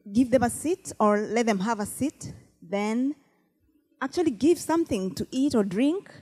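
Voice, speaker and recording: A woman's voice: medium pitch, warm tone. A woman from Kenya speaking as a panel guest, explaining earnestly. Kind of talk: panel discussion.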